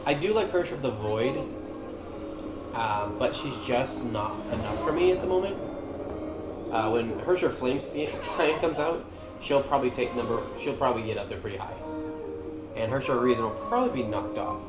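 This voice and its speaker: At a moderate pace and in a mid-range voice, a man offers loose, rambling commentary over game cutscenes for his gaming video. He's informal and mildly profane, and the recording has a roomy echo with game music underneath.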